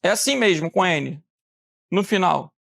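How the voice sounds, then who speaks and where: A man from Rio de teaching a lively classroom lecture, asking the students questions and answering them himself. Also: high voice, a little slow, creaky. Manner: animated, asks questions and answers them, acts out phone calls.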